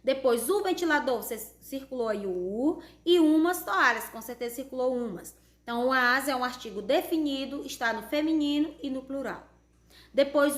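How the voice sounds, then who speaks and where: Brazilian woman teacher, high-ish voice, patient step-by-step homework review, roomy echo. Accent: Brazilian Portuguese. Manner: patient, step-by-step, checking in with "tá certo?". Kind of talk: correcting homework for children.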